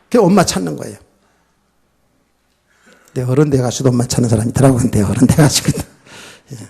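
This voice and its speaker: A man's voice: mid-range voice, animated, brisk, creaky, warm tone, husky. A middle-aged man preaching a sermon as pastor, often putting questions to the congregation.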